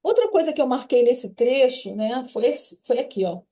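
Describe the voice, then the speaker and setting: A woman's voice: high voice, lively intonation, moderate pace, mellow. A woman with a Brazilian Portuguese accent teaching a French lesson online. She explains step by step and keeps checking in with her students.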